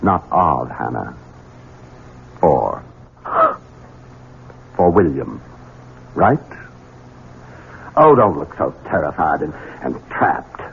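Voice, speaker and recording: In a heavily acted turn, a man voices a scheming, coldly cruel Southern heir for a 1970s radio drama, speaking extremely slowly with frequent pauses in an extremely low, gravelly, sing-song voice. He is sly, insinuating, and taunting, and the recording is tinny, band-limited, and hissy.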